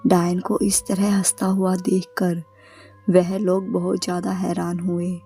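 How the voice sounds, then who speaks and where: A woman narrating a scripted horror story in a slow, even storytelling manner. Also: fairly low pitch, husky. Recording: faint background music.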